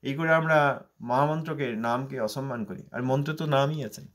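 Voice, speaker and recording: A man giving a religious discourse, chanting verses slowly and then explaining them. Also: medium pitch, a bit bright. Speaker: scripture teacher.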